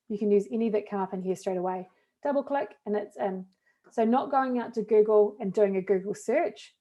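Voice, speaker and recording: A woman's voice: medium pitch, dark tone. A woman with a New Zealand accent, a teacher trainer chatting casually and upbeat through a live webinar demo of classroom tools.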